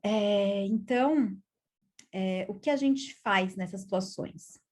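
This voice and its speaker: A woman with a Brazilian Portuguese accent, a child psychologist in her thirties, explaining calmly in an educational video lesson and often adding little tag questions. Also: mid-range voice, takes it slowly.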